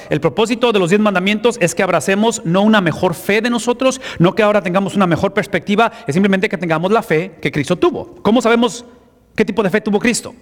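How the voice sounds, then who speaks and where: High-voiced man preaching in a reverberant hall. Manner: emphatic, asks the congregation rhetorical questions. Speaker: pastor. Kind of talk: sermon.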